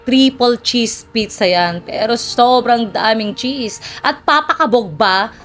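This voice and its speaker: A woman's voice: a little high, slow pace, a bit bright, faint music behind. A woman, chatty and teasing, narrating a vlog about her daughter. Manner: chatty and teasing, laughs at her own jokes. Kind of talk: playful voice-over narration.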